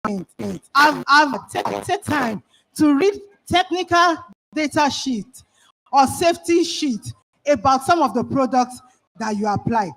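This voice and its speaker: A woman's voice: sits high, expressive, a little slow, a bit bright, low-quality recording. A woman giving a company presentation at an event, earnestly putting questions to the audience over a microphone. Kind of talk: public presentation. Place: exhibition event hall.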